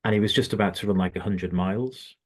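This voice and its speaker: A man's voice: fairly low pitch, quick pace. A man, a coach, telling a story in casual chat and acting out the quotes as he goes. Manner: anecdotal, acts out quotes in the story.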